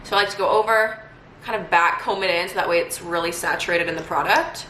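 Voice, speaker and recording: A woman's voice: fairly low pitch, fast, bright, forceful tone. A young woman in her twenties chatting casually through a makeup tutorial at home, upbeat and full of fillers. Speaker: beauty vlogger. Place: home room during quarantine. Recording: echoey room, faint noise.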